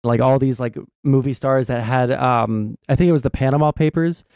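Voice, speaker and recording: A young adult man hosting a stream, explaining his political views casually in a measured, halting way. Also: medium pitch, fairly even intonation, a little mellow, clear, resonant tone, no room sound, clean studio sound. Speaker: streamer host. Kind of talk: casual political discussion over a game stream. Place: small indoor streaming room. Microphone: close desk mic with headset.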